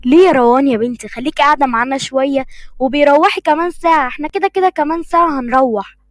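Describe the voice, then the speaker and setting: A woman's voice: high-pitched, racing, no echo, close to an everyday voice. A woman voicing a nineteen-year-old girl with an Egyptian accent, coaxing a friend.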